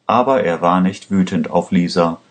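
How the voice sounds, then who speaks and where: A man reading a story aloud in a slow, measured way. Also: deep voice. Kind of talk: scripted storybook narration.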